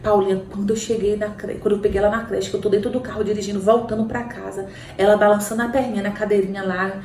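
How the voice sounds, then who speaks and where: A Brazilian woman giving an emotional faith testimony as a podcast guest, telling her story in an animated way and breaking into laughter and tears. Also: medium pitch, quick pace. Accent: Brazilian Portuguese. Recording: roomy echo, distant mic, faint noise.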